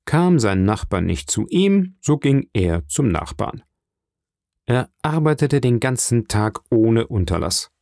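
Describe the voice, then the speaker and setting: A man reading a novel aloud in measured, even scripted narration. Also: medium pitch, vocal fry, dry recording, clean studio sound. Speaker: audiobook narrator.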